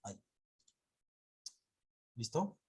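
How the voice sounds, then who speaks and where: A male teacher giving an online class, patiently drawing out example words and often correcting himself and checking in with students. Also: noisy background. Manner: patient, drawn-out word examples.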